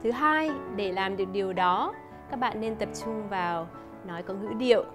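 A woman teaching a lesson, explaining in a clear, measured way and demonstrating example phrases. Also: mid-range voice, music in the background. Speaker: English teacher. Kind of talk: scripted lesson narration.

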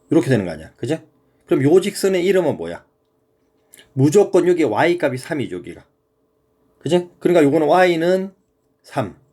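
Man, math teacher, casual lesson, keeps checking in, slightly high voice, animated pitch.

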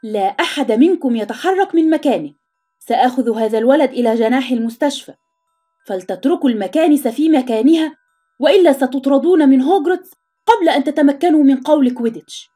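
A woman's voice: sits high, lively intonation, warm tone, faint music behind, pitched above the performer's own voice. A woman voicing a stern flying teacher. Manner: brisk, commanding.

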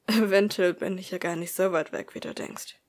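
A woman reading an audiobook, voicing a caring teenage boy who writes gentle, protective messages. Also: on the low side, fairly even intonation, normal speed, close to an everyday voice.

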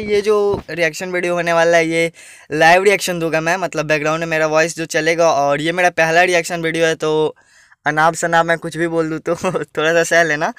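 A man's voice: a little high, a bit bright, clean tone, no room sound, clean studio sound. A young man hosting a live reaction video, exclaiming often and laughing at what he watches. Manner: keeps exclaiming and laughing at clips.

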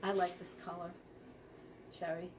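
A woman's voice: on the low side, little pitch movement, normal speed, far from the mic, slight background noise. A woman hosting a live fabric sale, chatting casually as she reads out color names. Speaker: quilt shop host.

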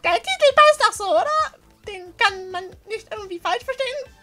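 A woman's voice: very high voice, lively intonation, moderate pace, bright, forceful tone, soft background music, full character voice. A woman voicing a bubbly, cute young anime streamer and gym leader from a video game, with a showy, hyper manner. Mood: excited, showy. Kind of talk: dubbing video game dialogue.

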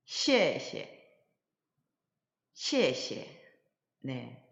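Woman language teacher, deep and slow, patient drill style, echoey roomy audio. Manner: patient, models pronunciation slowly for learners to repeat. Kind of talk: recorded language lesson. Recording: dull lo-fi audio with long hall echo.

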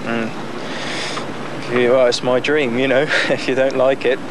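A young man speaking casually in an interview outdoors on a boat deck, relaxed and chatty, with frequent fillers and laughs. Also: mid-range voice, unhurried. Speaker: amateur boat builder. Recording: noisy outdoor 1990s news tape.

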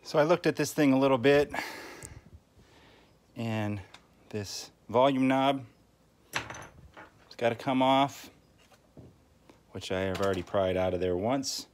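A man with a medium-pitched voice speaks slowly, pausing often, as he casually demonstrates a repair for his tinkering channel. He thinks aloud in a homespun way at an indoor work table. The recording clearly picks up background noise, clicks, and handling sounds.

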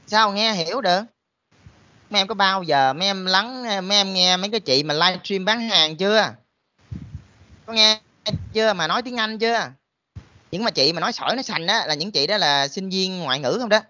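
A man's voice: high-pitched, fairly quick, bright, forceful tone, no echo, lo-fi sound. A man with a Southern Vietnamese accent, a college teacher giving a motivational talk to students and constantly throwing in rhetorical questions. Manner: emphatic, full of rhetorical questions.

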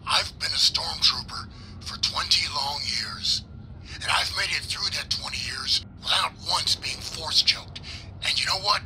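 An actor playing a stern, weary middle-aged male stormtrooper veteran, curt and deliberate, with a gravelly voice. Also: on the high side, sharp tone, slight background noise, exaggerated voice, poor audio. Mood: menacing.

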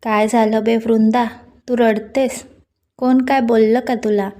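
A woman voicing a brash, fiercely loyal young woman friend who talks loud and blunt in a storybook reading. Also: fairly high pitch, flat delivery, unhurried, close to an everyday voice. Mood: fiery.

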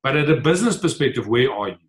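Speaking over a video call from his home office, a South African man in his forties from the Free State, whose first language is Afrikaans, answers interview questions as a guest who is an author and entrepreneur. His mid-range voice is expressive and rapid-fire, and he comes across as earnest, gesturing as he talks and using frequent fillers.

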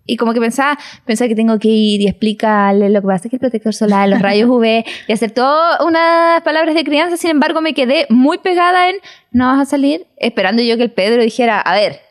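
A Chilean woman in her thirties with a high voice chats casually as a podcast co-host. She tells family stories quickly and acts out the lines of others as she goes. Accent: Chilean Spanish. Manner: quick storytelling, acting out quotes. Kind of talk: casual chat.

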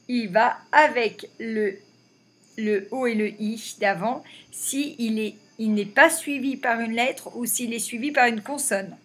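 Woman, teacher, reading lesson for young kids, very slow, sounds out syllables, fairly high voice. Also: fairly bright tone, breathy edge. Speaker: primary school teacher.

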